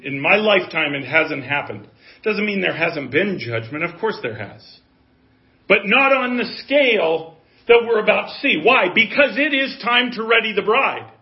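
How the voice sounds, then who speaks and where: A man in his fifties delivers a sermon with earnest, conversational conviction. His voice sits high for a man. The audio is dull and lo-fi. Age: 50s. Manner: earnest, conversational preaching with rising emphasis. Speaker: preacher.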